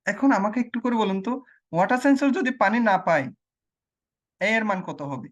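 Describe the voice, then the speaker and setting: A man's voice: sits high, big pitch swings, a little fast. Man, teacher, walks through a screen demo, asks and answers his own questions, repeats himself. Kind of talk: explaining logic gates on a screen demo.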